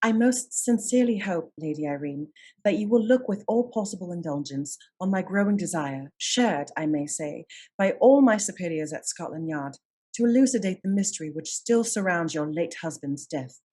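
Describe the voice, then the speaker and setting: Posh clever lady sleuth in a radio drama, bit raspy, very formal n articulate. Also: fairly low pitch, expressive, moderate pace, mellow. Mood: politely persuasive. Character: brilliant, self-assured aristocratic lady detective. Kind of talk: radio play acting.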